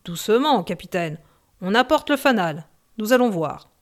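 A woman voicing an old male sea pilot, grave and commanding, who speaks in firm, steady orders. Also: mid-range voice, moderate pace.

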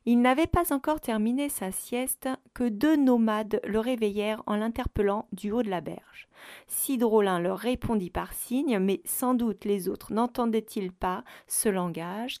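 A woman with a mid-range voice narrates an audiobook, reading in a measured, even way. The sound is clean studio quality with no echo.

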